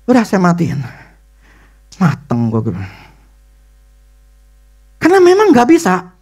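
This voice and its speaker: A male pastor, preaching a sermon and telling a personal story in animated, excited bursts. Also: sits high, slow pace.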